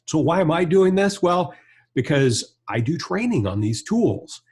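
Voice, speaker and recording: Speaking in a slightly mellow voice on the high side, an American presenter in his fifties leads a hands-on product tutorial as a trainer. His delivery is conversational, plain-spoken and explanatory, set indoors in a studio or workshop with a backdrop and bench.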